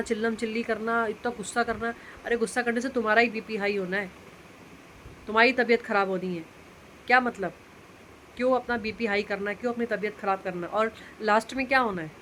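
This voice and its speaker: A woman's voice: fairly high pitch, a bit bright, a little hiss or hum, rough recording. A woman giving relationship advice in an earnest, conversational motivational talk, repeating her points for emphasis.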